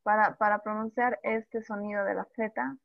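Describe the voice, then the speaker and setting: A woman teacher giving an online language lesson, who sounds out speech sounds slowly and repeats examples. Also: medium pitch, little pitch movement, creaky, dry recording. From Bolivia. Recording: dull dry lo-fi audio.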